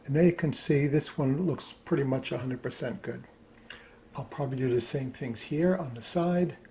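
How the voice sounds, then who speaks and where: At a moderate pace and in a mid-range voice, a man talks through a relaxed hobby tutorial, musing out loud while using his computer. The recording carries constant background noise and the click of keys.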